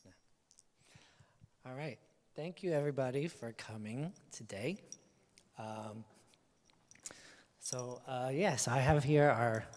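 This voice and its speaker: Male panel moderator, halting delivery, reverberant hall. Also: medium pitch, a little mellow. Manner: hesitant, many fillers. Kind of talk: live panel talk.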